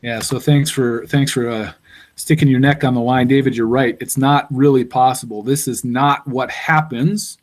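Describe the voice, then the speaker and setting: A man's voice: mid-range voice, steady tone, moderate pace. A man giving a university engineering lecture, explaining step by step and thinking aloud with fillers.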